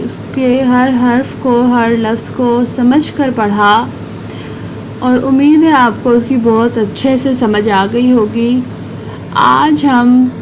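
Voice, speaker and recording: A woman teaching a children's tajweed lesson, reciting verses very slowly for pupils to repeat and explaining pronunciation in between. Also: on the high side, background noise. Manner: slow, drawn-out recitation alternating with quick explanations.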